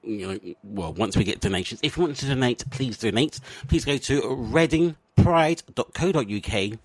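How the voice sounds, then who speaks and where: A man's voice: mid-range voice, lively intonation, moderate pace, dry recording. A man from England hosting a comedic podcast, chatting in a playful, rambling and self-mocking way. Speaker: podcast host. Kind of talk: comedic casual chat.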